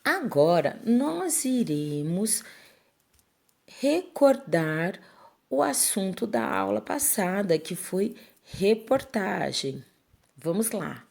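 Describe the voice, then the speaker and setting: Slow, gravelly-voiced woman teacher. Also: mid-range voice, big pitch swings, a little mellow. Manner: slow, clear dictation, syllable by syllable; checks in with pupils. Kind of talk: classroom lesson for children.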